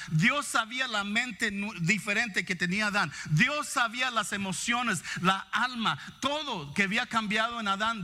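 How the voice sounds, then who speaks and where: A man delivers a sermon in a high-pitched voice. His tone is bright and tense. He muses aloud and keeps asking his listeners questions. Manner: reflective, asks the congregation questions. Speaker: preacher.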